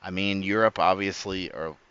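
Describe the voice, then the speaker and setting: A man's voice: low-pitched, steady tone, normal speed, a bit bright, smooth, dull audio. A man giving casual, rambling reaction commentary, often stopping to correct himself and swearing freely. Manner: rambling, self-correcting, profane. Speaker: streamer reacting to clips.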